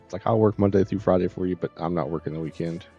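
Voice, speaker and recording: A middle-aged man live streams a game, chatting in a rambling, easygoing way. His low, warm voice is quick with fairly even intonation. The stream audio is dull and slightly muffled, with faint game music behind.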